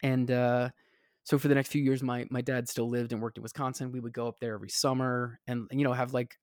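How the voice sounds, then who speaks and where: A man's voice: mid-range voice, flat delivery, a little fast, a little mellow, no echo, clean studio sound. A man raised in the American South, telling stories in a casual chat, full of fillers and restarts. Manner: rambling with many fillers and restarts.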